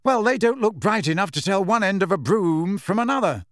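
A man voicing a brisk, businesslike young female team captain. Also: sits high, animated, no room sound, clean studio sound, pitched above the performer's own voice.

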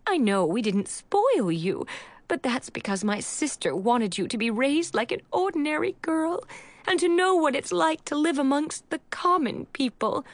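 A woman's voice: medium pitch, wildly swooping pitch, unhurried, no echo, heavily acted. A woman voicing a defensive middle-aged aunt who stammers and turns tearful. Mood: tearful pleading.

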